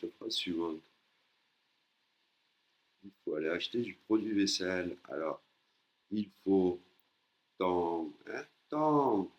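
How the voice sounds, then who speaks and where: A man teaching a language lesson, patiently explaining and repeating words slowly for learners. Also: low-pitched, lo-fi sound.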